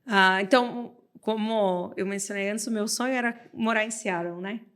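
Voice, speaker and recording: A woman's voice: medium pitch, fairly even intonation, normal speed, a bit bright. A woman, a podcast guest, chatting casually and telling stories with frequent laughs. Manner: chatty storyteller who laughs often.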